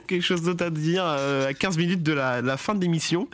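A man's voice: on the high side, lively intonation, moderate pace, fairly bright tone, no echo. A young man hosting a casual radio segment, rambling with many fillers and joking exasperation. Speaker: radio show host.

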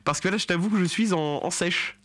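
Young male radio host, slightly high, rambling chatter full of fillers and mock exasperation. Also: fast talker, pushed and bright, no room sound. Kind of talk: casual radio chronicle.

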